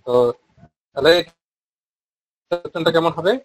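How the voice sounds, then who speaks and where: A man with a Bengali accent teaching Sanskrit pronunciation, explaining briskly and then chanting each word slowly and drawn out. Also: fairly high pitch, steady tone, breathy edge, no room sound, rough recording. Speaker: Vedic recitation teacher. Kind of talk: online pronunciation lesson.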